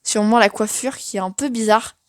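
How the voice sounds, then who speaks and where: A woman's voice: fairly high pitch, fairly quick, no room sound. A young woman giving a casual, chatty tour of her sketchbook, self-mocking and full of fillers. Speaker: art vlogger.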